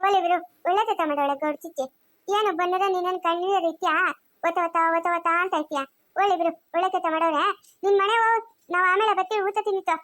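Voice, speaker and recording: Woman as a quarrelsome village woman, very high. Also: a bit bright, no room sound, clean studio sound. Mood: dismissive. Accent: rural Chikkaballapur Kannada. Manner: quick argumentative back-talk.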